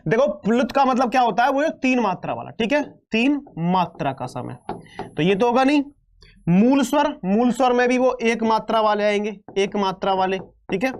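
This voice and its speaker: In a very high-pitched, expressive voice at a moderate pace, a male Hindi teacher conducts an online exam-prep grammar lesson. He jokes and chats, calls his students beta, and repeats terms back as questions to test the viewers.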